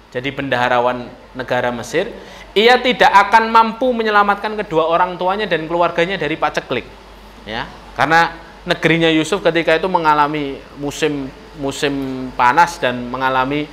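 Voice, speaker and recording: A man with a Javanese accent giving a lively storytelling sermon in a mosque, often turning to address the ladies in the audience. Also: on the high side, moderate pace, a little hiss or hum. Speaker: preacher. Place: mosque hall.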